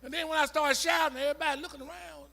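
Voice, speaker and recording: Extremely high in pitch, gravelly, pushed and bright, the man's voice moves very fast with fairly even intonation. He's a Southern-accented preacher delivering a church sermon, trading calls with the congregation and climbing into an emotional, dialect-rich chanted whoop.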